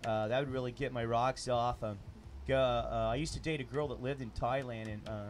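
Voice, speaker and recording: A man's voice: medium pitch, steady tone, brisk, slight background noise. A man who produces adult films, chatting in an interview in a rambling, crude way and laughing often. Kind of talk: casual interview chat.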